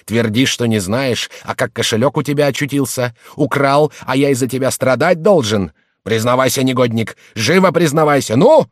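A man's voice: fairly low pitch, lively intonation, brisk, slightly rough, dry recording, clean studio sound. A man reading an audiobook and voicing a male fellow servant who is anxious and bullying, in a harsh, urgent, demanding way. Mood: angry.

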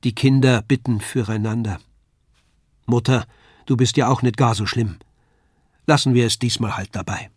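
A man's voice: mid-range voice, fairly even intonation, normal speed, pauses often, husky, dry recording, close to an everyday voice. Brief: mild, pleading woodcarver-puppeteer, read by a male narrator, dry close sound. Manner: mild, conciliatory.

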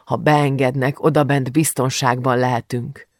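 A man's voice: mid-range voice, little pitch movement, no echo, studio quality, lightly acted. A man narrating an audiobook who voices a desperate middle-aged father fleeing gunfire with his daughter, speaking in urgent, strained lines. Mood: dazed.

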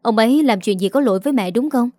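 A woman voicing a young office-worker daughter, soft and pleading with her mother. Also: on the high side, fast, no room sound, clean studio sound, close to an everyday voice. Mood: worried.

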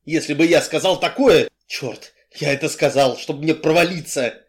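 A male reader playing a sly, gruff crime boss who mocks and blusters when pressed. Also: a little high, moderate pace, lightly acted. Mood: mocking, blustering. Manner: mocking, blustering, evasive.

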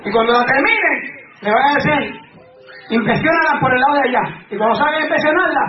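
A man preaching a fervent sermon as pastor, asking rhetorical questions and shouting out exclamations. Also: extremely high pitch, expressive, fast talker, slight background noise. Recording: echoey, distant, dull sound with a crowd.

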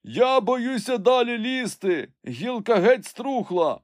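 A man voicing a stocky, simple-spoken male servant who calls down plaintively from high in a tree, in an audiobook. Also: expressive, measured pace, a little mellow, dry recording, studio quality. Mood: fearful.

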